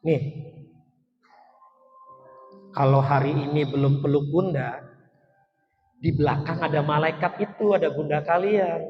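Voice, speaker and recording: A high-pitched male storyteller preaching earnestly to children, urging them along with heartfelt pleas. His voice rings through a large echoey hall with a long reverb, and the sound is muffled. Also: fairly even intonation, measured pace, long pauses, faint music behind. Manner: earnest, coaxing, urges children to stand and act. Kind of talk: emotional religious talk to children. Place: large echoing mosque hall.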